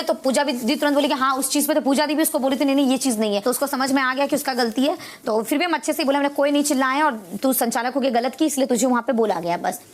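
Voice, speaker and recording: A woman in casual chat, retelling events with quotes and a lively, explaining manner. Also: high voice. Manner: animated storytelling, quoting others. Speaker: reality show contestant.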